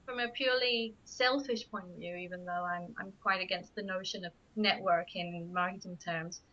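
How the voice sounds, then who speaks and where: A native Spanish speaker from Spain, a guest writer on a radio interview, answers questions about her writing and keeps restarting hesitantly. Her voice is lowish, steady, bright and pushed, at a moderate pace. The studio microphone yields muffled radio studio audio.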